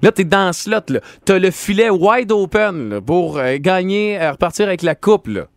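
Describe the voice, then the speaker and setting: A man's voice: sits high, expressive, no echo. Upbeat québécois radio host man. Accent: Québécois French. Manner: upbeat, quick, teasing. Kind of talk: lively radio banter and phone-in game.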